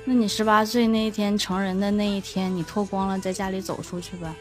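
A woman co-hosts a talk show at a medium pitch. She argues pointedly, piling up sarcastic rhetorical questions. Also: fairly even intonation, a little fast, faint music behind. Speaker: co-host.

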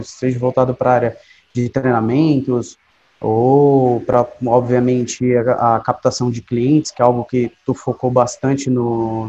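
Mellow young Brazilian man, dull lo-fi recording. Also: medium pitch. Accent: Brazilian Portuguese. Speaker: podcast guest, DevOps specialist. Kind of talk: casual interview chat. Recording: dull lo-fi sound, faint noise.

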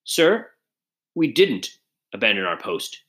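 A man voicing an excitable older officer who protests indignantly. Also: lowish voice, takes it slowly, exaggerated voice.

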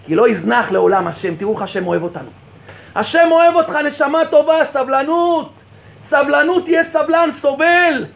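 High-voiced man preaching with fervor. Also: lively intonation, creaky. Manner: impassioned, rhetorical questions, repeats phrases for emphasis. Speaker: rabbi. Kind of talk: sermon.

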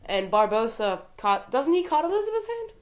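A woman's voice: sits high, sing-song, moderate pace. A woman co-hosting a podcast in casual chat, playful and giggly, often breaking into silly voices. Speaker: podcast co-host.

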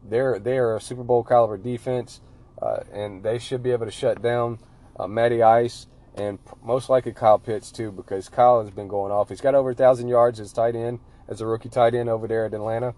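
A man's voice: mid-range voice, fairly even intonation, fairly quick, mellow. Chatty man hosting over background music. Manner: chatty, repeats himself, informal. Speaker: podcast host. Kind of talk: casual sports podcast talk. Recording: clear music bed behind the voice.

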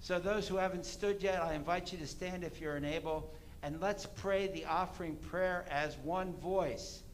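A man speaking as a pastor, leading formal prayers and liturgy in a measured, ceremonial way at a church service. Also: sits high, steady tone, low-quality recording. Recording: background noise, church room ambience.

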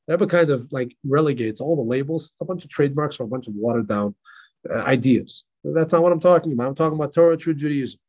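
Rabbi teaching a congregation; slightly raised pitch, breathy edge, emphatic, storytelling. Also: male voice, fast, muffled recording. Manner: animated, emphatic teacher with repetitions. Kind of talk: Passover class reading and storytelling. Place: synagogue in El Paso.

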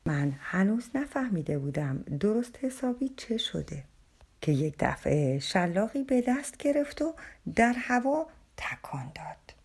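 A woman narrating a story with a breathy, half-whispered, dramatic delivery. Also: mid-range voice, very animated, a little mellow.

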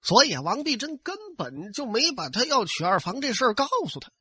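A man telling a tale in traditional oral storytelling style, lively and conversational, talking straight to his listeners. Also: high voice, fairly quick, husky, no echo.

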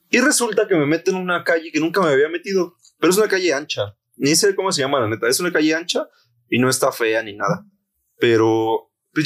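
A young man with a Mexican Spanish accent telling a story in casual chat, slangy and animated, acting out the voices he quotes. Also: fairly high pitch. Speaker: podcast co-host.

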